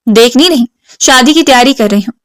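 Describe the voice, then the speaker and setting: A proud, stubborn young woman who fires back sharp, defiant answers, read by a woman narrator. The voice is fairly high, smooth and clear, with a dry studio sound. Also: no room sound, lightly acted. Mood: scornful.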